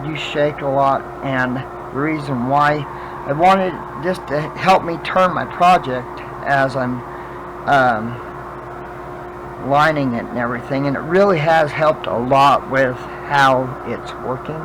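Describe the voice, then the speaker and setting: A man with toothless, slurred speech, chatting casually and haltingly as he demonstrates a craft, thinking aloud while he works. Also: mid-range voice, background noise. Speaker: craft vlogger demonstrating wood burning. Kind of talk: casual chat while working.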